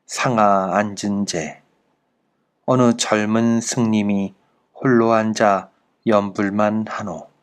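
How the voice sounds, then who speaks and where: A man reading a classic travel essay aloud in a slow, measured literary narration. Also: fairly low pitch. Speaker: audiobook narrator.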